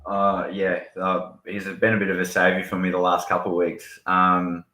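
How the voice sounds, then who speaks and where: A man's voice: low-pitched, completely flat delivery, normal speed, bright, forceful tone. An Australian man, a regular on the show, chatting in a laid-back, blunt way and swearing freely. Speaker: regular panelist. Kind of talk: casual chat. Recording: roomy echo.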